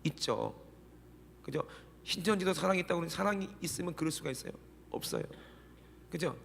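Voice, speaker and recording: A middle-aged man preaching a sermon as pastor, animated and constantly firing questions at the congregation. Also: on the high side, a little fast, gravelly, a little hiss or hum. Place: church sanctuary. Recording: long church hall reverb.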